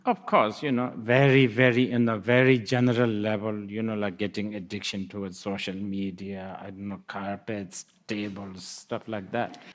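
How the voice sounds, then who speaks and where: A man's voice: fairly low pitch, little pitch movement, normal speed, hardly any pauses. A man giving a Buddhist dharma talk, musing aloud with laughs and hesitant restarts. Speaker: Buddhist teacher. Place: lecture hall.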